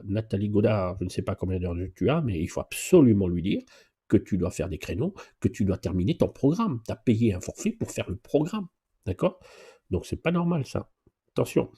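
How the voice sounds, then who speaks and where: Husky-voiced chatty male driving instructor. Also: on the low side. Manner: familiar, chatty, addresses viewers informally; lively exclamations and playful asides. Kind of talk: casual live Q&A driving lesson.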